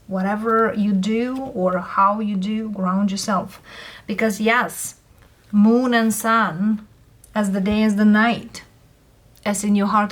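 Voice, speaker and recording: A woman who is a non-native English speaker gives a casual tarot reading, speaking haltingly in short phrases with pauses. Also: mid-range voice. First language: not English. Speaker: tarot reader host.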